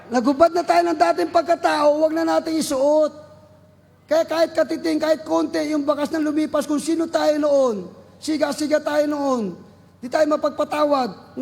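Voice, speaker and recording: A man with a Filipino accent preaching a sermon, exhorting his congregation and breaking into shouted praise. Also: very high voice, gravelly, big-room sound.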